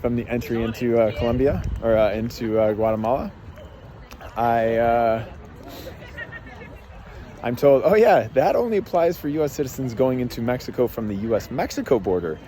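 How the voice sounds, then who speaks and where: A podcast host and life coach, a native English-speaking man, tells a long personal story in a loose, casual way full of fillers and restarts. His voice is medium in pitch and warm, at a normal speed.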